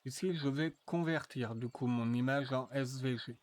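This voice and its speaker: A man walking viewers through a software tutorial, thinking aloud with frequent fillers and restarts. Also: mid-range voice. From France. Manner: slow, hesitant, thinking aloud with many fillers. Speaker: tutorial presenter. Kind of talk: screen-recorded software tutorial.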